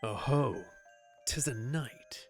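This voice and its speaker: A man voicing a stern, honorable swordsman from a video game in a low gravelly growl, with grave, archaic, formal phrasing. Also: expressive, slow, faint music behind. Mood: menacing, grave. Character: stern, honorable swordsman reading out threats to a knight. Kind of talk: video game dialogue read aloud.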